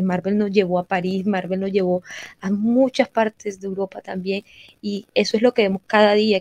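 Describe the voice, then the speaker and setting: A woman's voice: mid-range voice, darkish tone, no room sound. A woman with a Caribbean Spanish accent from the Colombian coast, talking conversationally in an earnest, emphatic way and repeating phrases for emphasis. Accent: Colombian Caribbean (costeño). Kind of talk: conversational interview talk.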